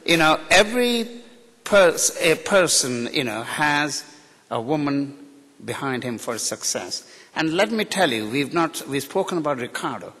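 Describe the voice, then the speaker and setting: This middle-aged Indian guest speaker is very animated yet a little slow, his voice a little high, a bit bright and husky. Speaking at a podium mic during a ceremony, he offers an unscripted tribute that's jokey, candid and outspoken, in Indian English with British and American influences. The sound reverberates through a large hall.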